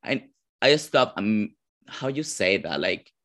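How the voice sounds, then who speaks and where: A man from Venezuela with a Venezuelan Spanish accent, a drag performer answering interview questions casually, often pausing to search for words. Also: fairly low pitch, big pitch swings, a bit bright. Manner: searching for words, frequent "like" fillers.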